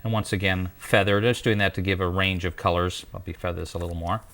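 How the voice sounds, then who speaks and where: Very low-voiced man explaining calmly. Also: fast. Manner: calm, explanatory, with small restarts. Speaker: guest presenter. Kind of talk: software tutorial.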